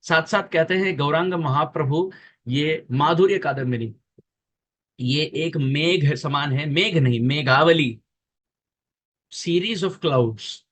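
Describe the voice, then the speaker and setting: A man's voice: fairly high pitch, fairly bright tone. Earnest man preaching a devotional sermon. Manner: chants verses in a slow, drawn-out voice; earnest, emphatic explanation with repetitions.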